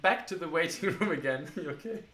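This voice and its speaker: A man co-hosting a vlog, recounting a family story in a casual, halting way with many fillers. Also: fairly high pitch, expressive, fairly bright tone. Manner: hesitant, many fillers and restarts. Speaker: vlog co-host. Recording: echoey room.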